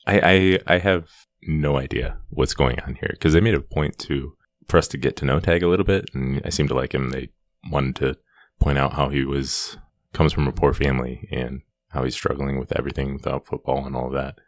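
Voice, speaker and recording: Very deep-voiced man musing hesitantly. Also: steady tone, fairly quick, no echo. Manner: hesitant, unsure, thinking aloud. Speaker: podcast co-host. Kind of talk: casual TV discussion chat.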